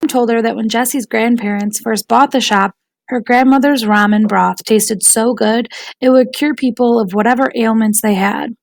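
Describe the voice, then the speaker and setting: Lady reading an audiobook, kinda raspy, dry close sound, steady pace. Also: a little high, moderate pace, dry recording, poor audio. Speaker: audiobook narrator. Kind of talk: scripted audiobook narration.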